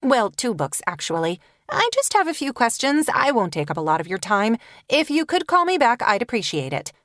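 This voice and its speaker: A woman's voice: a little high, big pitch swings, normal speed, fairly bright tone, no echo, studio quality. A woman narrator voicing an eager, flustered young woman book dealer in an audiobook. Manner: eager, breathless.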